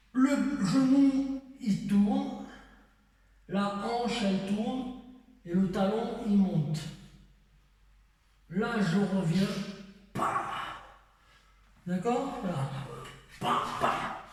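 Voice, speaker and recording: High-voiced man coaching boxing in an echoey room. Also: darkish tone. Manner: demonstrating moves while counting punches; repeats "d'accord?" to check understanding. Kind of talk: home workout lesson. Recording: echoey room, voice from far off mic.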